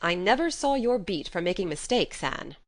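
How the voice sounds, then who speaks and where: A woman voicing a stern older woman guardian who talks in a brisk, scolding, dry way. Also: mid-range voice, sing-song, lightly acted.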